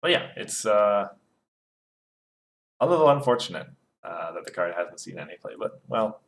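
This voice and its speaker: A man with a low voice co-hosts a casual card game chat, stumbling through restarts and fillers as he explains. His voice rings with a noticeably roomy echo. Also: very animated, moderate pace, creaky. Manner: hesitant, many fillers and restarts. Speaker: co-host.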